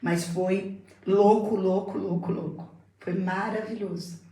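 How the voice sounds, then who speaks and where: A woman's voice: mid-range voice, fairly even intonation, measured pace, dark tone, roomy sound, rough recording. A middle-aged woman in casual chat, telling an emotional faith testimony and repeating herself for emphasis. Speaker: guest.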